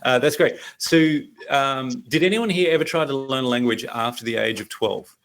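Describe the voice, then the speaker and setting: A man's voice: medium pitch, normal speed, vocal fry, fairly bright tone. Chatty Australian man leading a workshop. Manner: chatty, anecdotal, laughs often. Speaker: leadership workshop presenter. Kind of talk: interactive online workshop talk. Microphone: video call.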